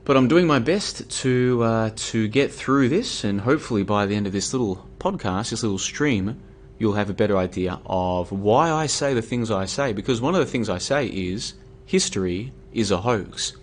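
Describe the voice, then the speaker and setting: In this home-room livestream, an Australian man who sounds worn out speaks at an ordinary speed, his intonation lively as he argues through a loose, filler-heavy monologue with frequent restarts. The voice is fairly low, over a faint background hiss.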